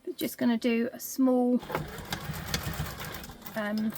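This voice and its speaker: A woman talking through a sewing tutorial step by step, chatty and practical, her voice going husky at times. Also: a little high, flat delivery, takes it slowly, background noise. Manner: chatty step-by-step instructions, drops into whispers. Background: sewing machine.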